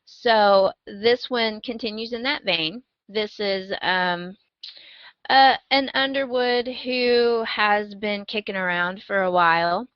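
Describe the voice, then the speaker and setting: A US woman co-hosting a podcast talks casually and conversationally, wry and emphatic as she recommends things. She speaks slowly at a medium pitch. The audio has no echo and sounds dull.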